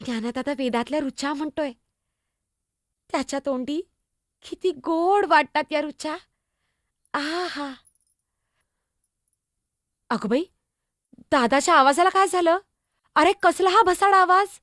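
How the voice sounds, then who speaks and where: एका स्त्रीने साकारलेली लहानगी मुक्ताई, अवखळ, गप्पिष्ट, खूप उंच आवाज, एकपात्री नाटक. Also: female voice, high voice, a little slow, pauses often, fairly bright tone, no echo, clean studio sound. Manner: chatty, teasing, innocent, exclamatory. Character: young girl, Muktai, lively younger sister. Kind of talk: solo stage monologue.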